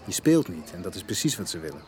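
A man in film dialogue, first hesitating through a voicemail full of fillers, then talking bluntly and forcefully. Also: low voice, sing-song, fast talker, a little hiss or hum. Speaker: caller leaving a voicemail, then conversation partner.

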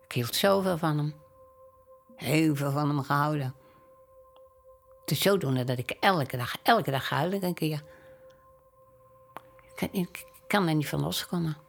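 An older woman, a widow, speaking plainly and haltingly in a candid documentary interview, often stumbling and repeating words. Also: deep voice, creaky, faint music behind.

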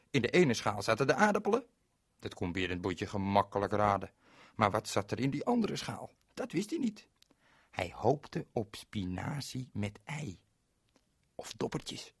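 A man spinning a bedtime-style tale for kids, talking straight to his young listeners in a playful way. His voice is a bit husky, and his pitch rises and falls with lively swings. The sound is dry and close. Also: dry recording. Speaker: children's radio storyteller. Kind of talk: storytelling for children.

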